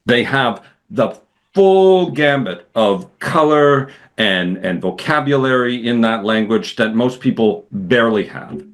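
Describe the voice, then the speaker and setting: A male interview host with a mid-range voice that swoops up and down with lots of melody. He speaks in a playful, expressive manner and builds long analogies in casual conversation. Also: medium pitch, slow pace. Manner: expressive, playful, breaks into impressions.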